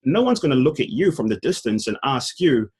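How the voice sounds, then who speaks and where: A man with a New Zealand accent, co-hosting a casual debate, talking in rapid bursts with many "like" fillers and restarts. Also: medium pitch, big pitch swings, a little mellow, breathy edge. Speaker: co-host.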